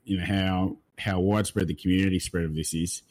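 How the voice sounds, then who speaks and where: An Australian man chatting casually on a panel in a blokey, rough-and-ready tradesman manner. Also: low voice, steady tone, fairly quick, a little mellow. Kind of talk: casual chat.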